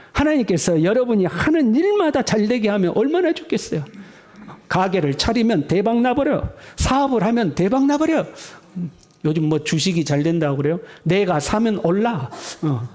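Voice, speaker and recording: A man's voice: high-pitched, darkish tone. A male pastor, preaching a sermon in a conversational style and acting out the voices of mocking people.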